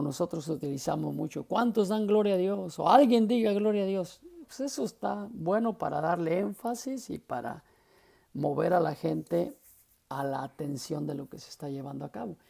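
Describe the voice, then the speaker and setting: A man with a fairly high, mellow voice marked by vocal fry and a breathy edge teaches homiletics, a class on preaching. He explains things patiently and often checks with short questions that his students are following.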